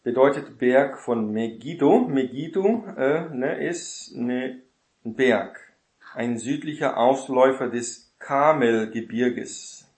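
A man teaching a Bible study in a casual lecture style, often adding a quick tag question to check that listeners follow. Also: mid-range voice, darkish tone, echoey room.

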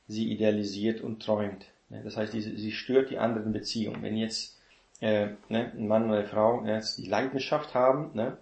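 A man giving a sermon, reading a list of contrasts slowly and repeating lines, often adding "ne?" as he teaches. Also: on the low side, gravelly, a little mellow, echoey room, dull audio. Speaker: preacher.

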